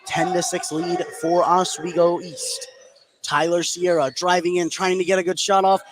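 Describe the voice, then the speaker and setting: Calling the basketball action at normal speed, an American radio play-by-play man describes each moment as it unfolds. His voice is high with little movement in pitch. The indoor gym around him is loud and noisy.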